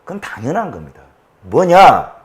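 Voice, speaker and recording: A man's voice: huge pitch swings, moderate pace. Fiery Jeolla-accented man ranting. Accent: Jeolla Korean. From Jeolla, South Korea. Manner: fiery, profane, swings from shouting to low muttering. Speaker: political commentary host. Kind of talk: political rant to an audience.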